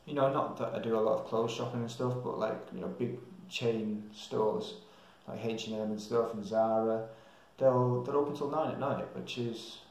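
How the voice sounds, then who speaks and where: Here the young English travel vlogger talks casually to camera, pausing rarely at a moderate pace and thinking out loud with some hesitation. His mid-range voice is a little mellow with fairly even intonation, bouncing around a very echoey small tiled room.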